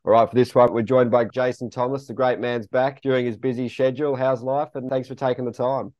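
A man's voice: mid-range voice, level tone, fairly quick, a little mellow, dry recording, lo-fi sound. A man with a broad New Zealand accent hosting a motocross podcast in a chatty, matey, informal way. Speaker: podcast host.

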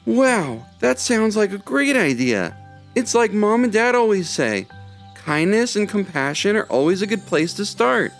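A man's voice: high voice, normal speed, faint music behind, voice pushed up, natural voice. A man voicing Ivy, a kind young schoolgirl who talks in a chatty, earnest way.

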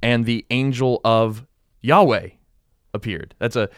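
A man's voice: mid-range voice, measured pace, a bit bright, no echo. A man co-hosting a podcast, chatting casually through a Bible passage, thinking aloud and explaining with everyday examples. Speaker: podcast co-host. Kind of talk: casual Bible study chat.

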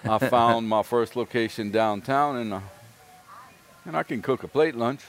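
A man's voice: medium pitch, normal speed, faint music behind. A man from south Louisiana, a restaurant owner and cook, talking casually in an interview, jokey and laughing often.

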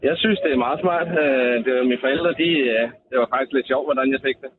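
A man calling in to a radio show, easygoing and laughing often in casual chat. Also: medium pitch. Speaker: phone-in guest. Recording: phone line with hiss.

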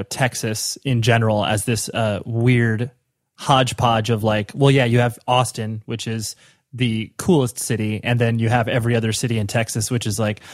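A man's voice: mid-range voice, no room sound, clean studio sound. A young man interviewing a guest in a casual chat, rambling, with many fillers and restarts.

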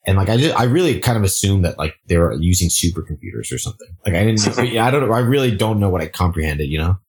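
Deep-voiced and quick, a founder raised in Singapore chats about his startup in an interview. His easygoing speech is packed with fillers and false starts.

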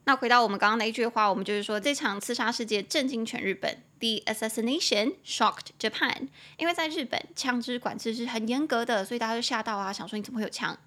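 A woman's voice: fairly high pitch, pushed and bright. Playful chatty woman teaching English. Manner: playful and chatty, spells words out slowly. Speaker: English teacher and podcast host. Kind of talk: casual podcast English lesson.

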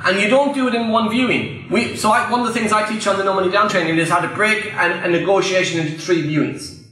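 An Irish man with a high-pitched, sharp voice talks fast and emphatically in an echoey event room. He's a property investment trainer running a live Q&A coaching session, repeating key phrases and speaking straight to the audience in front of him.

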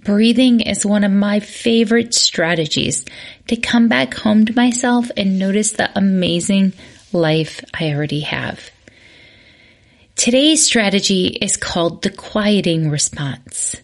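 A woman podcast host with a breathy voice, casually explaining a relaxation exercise. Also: medium pitch, unhurried.

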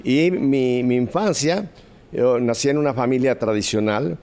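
A man's voice: medium pitch, unhurried, a little mellow. An older man from Mexico City, a guest telling stories about his childhood with a jovial, joking manner. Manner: jovial storyteller, laughs at own jokes. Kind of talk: conversational interview.

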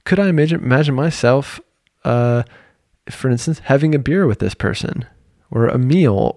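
A man's voice: mid-range voice, a little mellow, no echo, clean studio sound. A man hosting a podcast, talking casually and thinking aloud, with frequent fillers and restarts. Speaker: podcast host.

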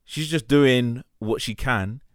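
A man's voice: mid-range voice, takes it slowly, clear, resonant tone, dry recording, studio quality. A young man with an urban London roadman accent, co-hosting a podcast with casual, slangy, sweary banter. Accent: London, urban roadman slang style. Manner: slangy, sweary, animated reactions. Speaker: podcast co-host.

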